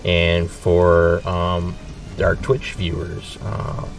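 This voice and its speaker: Deep gravelly man streaming a game. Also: extremely slow. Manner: relaxed, rambling, chuckles often. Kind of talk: casual gameplay commentary. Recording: somewhat distant mic with faint game music. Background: faint game music.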